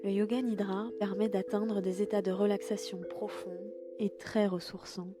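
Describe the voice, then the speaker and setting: A woman leading a guided yoga nidra sleep meditation in a slow, soft and soothing way. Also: mid-range voice, level tone, over music.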